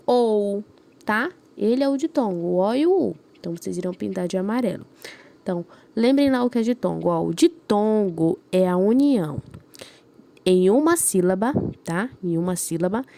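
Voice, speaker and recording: A primary school teacher with a northern Brazilian Portuguese accent gives a recorded class lesson, explaining step by step and checking in with her pupils after each point. Her voice has a medium pitch and a dark tone.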